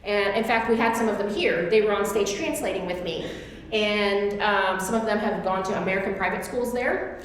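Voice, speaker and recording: A woman from Tulsa, Oklahoma, who speaks with an Oklahoma accent but grew up with Turkish as her first language, talks at a moderate pace in a medium-pitched voice. As a chatty guest speaker at a church class, she gives long answers to questions in an informal way. The echoey hall adds long reverb, and there's a little hiss or hum.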